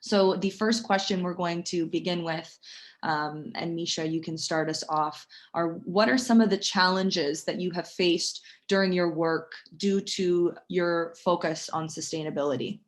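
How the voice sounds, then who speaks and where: A woman's voice: fairly low pitch, fairly even intonation, a little slow. A woman moderating a panel discussion in an informal, organising style.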